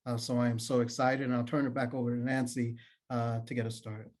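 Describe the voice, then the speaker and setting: A man's voice: medium pitch, level tone, brisk, a little mellow. Gracious man from Trinidad and Tobago. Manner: gracious, formal, courteous. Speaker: assistant professor, session respondent. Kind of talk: formal self-introduction on a video call. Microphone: video call.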